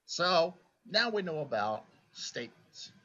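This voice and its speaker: A man's voice: a little high, sing-song, measured pace, pushed and bright. A man giving a recorded philosophy lecture, explaining step by step and often checking in with "right?". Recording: dull lo-fi recording.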